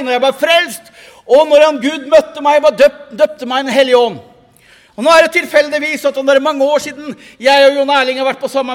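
A fervent man gives a Pentecostal testimony from the pulpit, his voice sitting very high. He swings between shouted hallelujahs and chuckling asides. Long reverb rings around him from the hall. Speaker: preacher.

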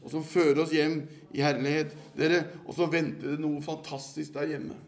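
A man's voice: fairly high pitch, little pitch movement, darkish tone. An older man from Norway preaching a sermon in an earnest, storytelling manner.

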